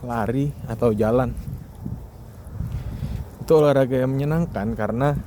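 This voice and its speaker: A mellow, medium-pitched male voice at normal speed belongs to a solo podcast host around thirty, aged 20s or 30s. Out walking a street, he rambles in a casual monologue loaded with rhetorical questions, while urban noise and passing traffic come through clearly.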